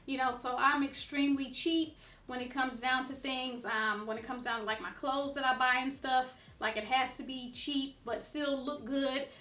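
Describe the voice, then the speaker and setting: A woman's voice: high voice, fairly even intonation, moderate pace, bright, forceful tone, echoey room. A middle-aged American woman vlogging, chatting casually to the camera with lots of "you know" and "like". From United States.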